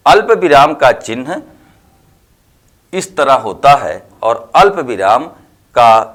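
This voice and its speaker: Slow, lively-pitched teacher man. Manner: slow, deliberate explaining with examples. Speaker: Hindi teacher. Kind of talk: classroom-style lesson.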